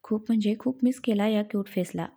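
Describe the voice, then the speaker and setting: A woman's voice: medium pitch, brisk, mellow, lightly acted. A woman reading the part of a teasing, tender young husband. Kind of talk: storybook reading.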